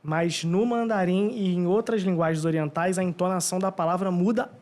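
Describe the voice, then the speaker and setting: A man's voice: high voice, steady tone, fairly quick, darkish tone. A Brazilian man hosting a podcast, asking thoughtful questions in a hesitant, casual way. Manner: thoughtful, hesitant, many fillers. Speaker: podcast host. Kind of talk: casual interview chat.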